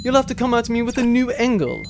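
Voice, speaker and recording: A boastful, roguish space captain acted by a man in a comedic sci-fi audio drama. His voice sits high for a man and swings theatrically with pompous bravado. The amateur recording has clear background noise. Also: very animated, quick pace, exaggerated voice. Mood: grandly boastful.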